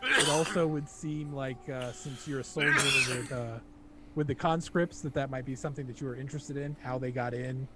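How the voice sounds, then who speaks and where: A man's voice: mid-range voice, moderate pace, background noise. A young man running a tabletop game as game master, laid-back and joking, with lots of fillers.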